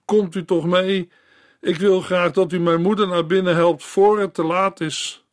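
A man's voice: high-pitched, steady tone, unhurried, dry recording, clean studio sound, voice pushed up. A man doing a desperate pleading little girl. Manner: begging, urgent.

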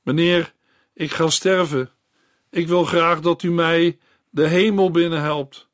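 A man's voice: a little high, steady tone, takes it slowly, no room sound, studio quality, voice pushed up. A man voicing a frightened, remorseful dying woman who cries out in anguish, in a storybook reading. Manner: anguished, crying out.

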